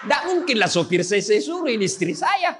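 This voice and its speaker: Over heavy background noise, a man preaches a humorous sermon to a live audience, joking with the crowd, chatting, and quizzing them with questions. His voice sits high, swings widely in pitch, and runs a little fast.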